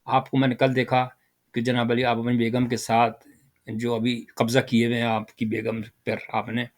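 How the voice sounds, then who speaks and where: An older man giving casual political commentary, animated and rhetorical, addressing his listeners directly. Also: medium pitch. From Pakistan.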